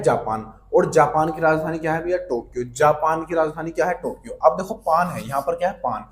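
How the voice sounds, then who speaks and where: Playful teacher quizzing himself aloud. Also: male voice, on the high side, slight background noise. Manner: playful, asks and answers his own questions. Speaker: exam coaching teacher. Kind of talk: online lesson with memory tricks.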